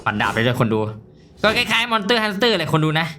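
A young man giving casual, excitable commentary while playing a mobile game, loud and swearing often. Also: high voice, normal speed, a little hiss or hum.

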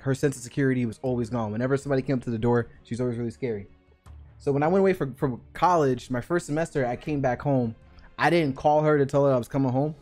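A young man telling a personal story to camera in a casual, animated way, acting out the scenes and filling his speech with fillers. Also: medium pitch. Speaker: vlogger.

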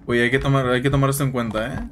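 A man giving jokey, slangy horror-game commentary and yelling when scared. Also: medium pitch, little pitch movement, rapid-fire. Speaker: gaming YouTuber. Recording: game music behind voice.

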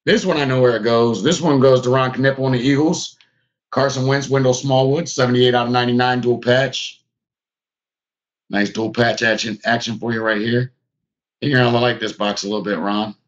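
A man hosts a live card-opening stream in a relaxed, chatty way and talks to his viewers by name as he goes. His voice sits at a middle pitch, and the recording sounds a little dull and lo-fi. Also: normal speed. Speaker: card break host. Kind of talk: casual live-stream card break commentary.

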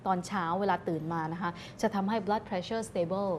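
A woman's voice: mid-range voice, fairly even intonation, a little slow, darkish tone, slight background noise. A woman guest on a TV talk show, explaining health advice politely and patiently, mixing English terms into her speech. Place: TV studio.

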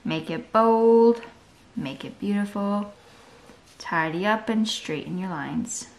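Speaking slowly at a medium pitch, a woman art teacher leads children through a drawing step by step, using simple, encouraging instructions.

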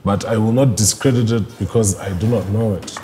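A man's voice: fairly low pitch, fairly quick, warm tone. A man judging auditions, hesitant and stammering as he gives feedback. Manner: hesitant, stammering, then laughing easily. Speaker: talent show judge. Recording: reverberant hall.

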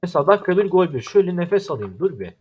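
Young Turkish male gamer, exasperated commentary, slightly high voice. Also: big pitch swings, very fast, breathy edge, muffled recording. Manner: frustrated, exasperated complaining. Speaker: gaming YouTuber. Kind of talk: gameplay commentary.

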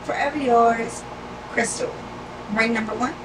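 A young woman in a small wooden cabin, gushing excitedly while reading little notes aloud. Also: a little high, a little slow. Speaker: girlfriend receiving a promise ring. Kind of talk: casual vlog chat. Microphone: camera mic from across the room. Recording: distant, noisy cabin recording.

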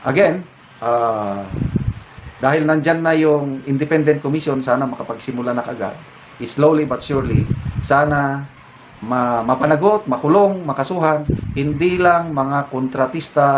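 A man's voice: mid-range voice, background noise. A man with a Filipino accent giving casual, opinionated political commentary and mixing English phrases into his talk.

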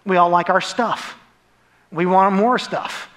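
Slow and steady in tone, a male American pastor in his forties preaches from the stage of a dark, spacious church auditorium. His voice sits high and slightly bright; his manner is conversational and emphatic, with points often tagged by brief questions.

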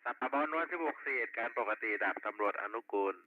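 A man's voice: medium pitch, lively intonation, quick pace. A man working as a police radio dispatcher, reading back reports in clipped, formulaic roll-call style over a walkie-talkie. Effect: two-way radio. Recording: tinny narrowband walkie-talkie with faint noise.

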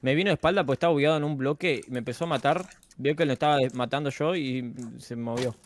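Fast-talking Argentine gamer man. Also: medium pitch. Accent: Argentine Spanish. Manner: fast, exclaiming, complains loudly. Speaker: guest player. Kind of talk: casual gaming chat.

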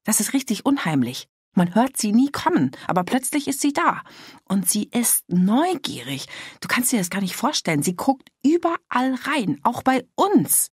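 A woman's voice: low-pitched, expressive, normal speed, no room sound, clean studio sound. Woman doing an outraged, gossipy middle-aged mother. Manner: agitated, voice cracking with outrage.

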